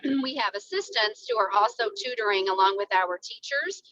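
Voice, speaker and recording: A woman's voice: mid-range voice, animated, brisk, pushed and bright. Woman on a car speakerphone. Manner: chatty, leans on "you know". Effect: talking through a car speakerphone while driving. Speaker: school staff member on a video meeting. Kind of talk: casual update on a group call. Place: inside a moving car. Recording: dull, lo-fi phone line, dry.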